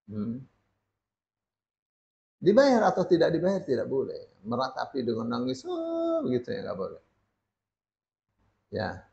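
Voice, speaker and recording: A man's voice: mid-range voice, lively intonation, unhurried, vocal fry, pauses often, dark tone. A man teaching a religious lesson in speech, often tagging sentences with "ya" and reading Arabic passages before explaining them. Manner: frequent "ya" tags, reads Arabic text then explains. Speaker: Islamic teacher. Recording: dull lo-fi recording.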